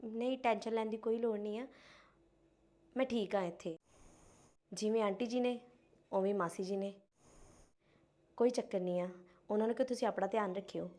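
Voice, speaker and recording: A woman's voice: medium pitch, moderate pace, pauses often, dark tone, natural voice. A young woman acting as a polite, educated and patient helper in a family drama. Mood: soft. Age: young adult. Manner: polite, soothing, respectful.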